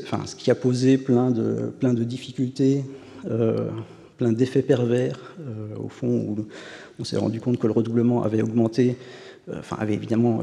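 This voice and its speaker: A university professor gives an academic lecture with slides at a conference, his medium-pitched voice gravelly and mellow. He sounds hesitant, restarting often and filling pauses with "euh." The hall adds a long reverb.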